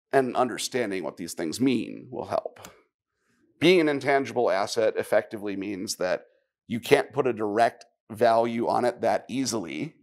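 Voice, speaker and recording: Male tech presenter at a live summit, easygoing and a little sarcastic, average pitch. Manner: conversational, asks the audience questions, wry asides. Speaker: conference speaker. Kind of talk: live technical conference talk. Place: conference room before a live audience.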